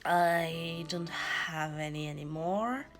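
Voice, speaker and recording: A young woman, talking slowly and casually as she thinks aloud for her reading vlog. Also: sits low, soft background music. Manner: slow, unhurried, thinking aloud. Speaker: book vlogger. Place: in her bed at home.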